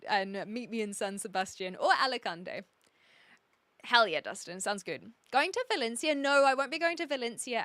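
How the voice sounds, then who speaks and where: Bright-voiced woman, Kiwi-British accent. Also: fairly high pitch, dry recording. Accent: New Zealand mixed with British. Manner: chatty, cheeky, reacts to chat messages. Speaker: live streamer. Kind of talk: casual livestream chat with viewers.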